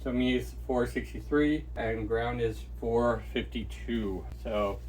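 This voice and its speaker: In his casual packing-and-shipping vlog, this reseller talks slowly in a medium-pitched, slightly mellow voice with fairly even intonation. He thinks aloud while sending off orders and thanks every buyer by name, against slight background noise.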